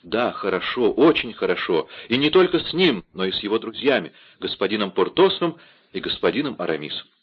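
A man's voice: on the low side, sing-song, a little fast, husky. A man doing a timid young novice. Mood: anxious. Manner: theatrical audiobook dialogue reading. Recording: dull lo-fi recording.

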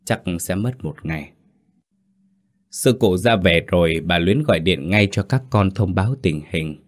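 A man tells a ghost story in a steady, soft-spoken manner. His voice sits very low. He narrates it without any rush. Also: measured pace.

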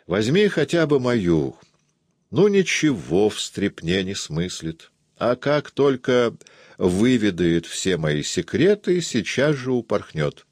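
A man's voice: on the low side, big pitch swings, slow pace, no room sound, clean studio sound, voice pushed up, full character voice. A man voicing a kindly, fussy older aunt who chatters in a confiding way. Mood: fussing. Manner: warm confiding chatter, raised voice.

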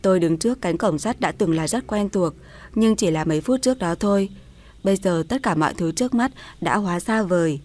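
A woman narrating a scripted first-person story in a sorrowful, even way. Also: lowish voice, a little fast.

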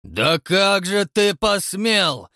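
A man's voice: medium pitch, sing-song, a little slow, dry recording, clean studio sound. A man voicing a pompous, grey-bearded old man posing as a count, grandiose and menacing. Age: older.

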